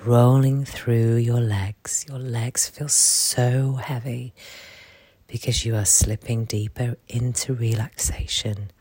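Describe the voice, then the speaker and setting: A very slow, gravelly murmur spoken close and intimately into the microphone. The voice guides a sleep relaxation in a soothing, repetitive way, often dropping toward a whisper. The sound is dry and near. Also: mid-range voice, fairly even intonation, darkish tone, no echo.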